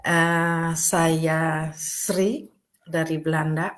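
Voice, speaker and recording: An older woman, a grandmother, introducing herself on an online talk in a gentle, soft-spoken way over a video call. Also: low-pitched, flat delivery, very slow. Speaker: guest panelist. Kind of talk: casual chat.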